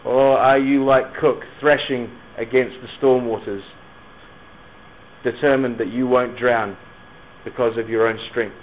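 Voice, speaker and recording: Through narrow, phone-like lo-fi audio with a little hiss or hum, a man preaches evangelistically to youth using rhetorical questions, pauses and emphatic repetition. His mid-range, steady voice carries a softened Scottish accent tinged with New Zealand, from moving there from Scotland as a schoolboy.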